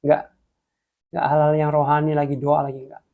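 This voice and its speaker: A young man from Jepara, Indonesia, telling a testimony in a sermon, talking to listeners as "guys" and swinging between hushed and excited delivery. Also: a little high, moderate pace, vocal fry, phone-quality sound. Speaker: preacher.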